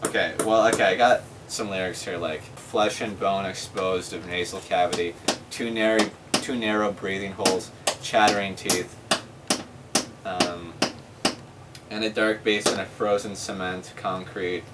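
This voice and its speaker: A man's voice: low-pitched, steady tone, unhurried. A young man in a band, chatting casually in a laid-back, joking way. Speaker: band member. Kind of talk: casual chat. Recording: distant mic with noise.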